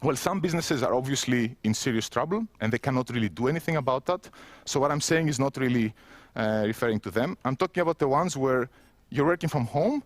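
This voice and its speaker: A Greek-accented man in his thirties gives a conference keynote, standing in an empty indoor room. His medium-pitched voice is animated and fast, conversational and wry, self-mocking and full of restarts. The close-miked sound is dry, with no room sound.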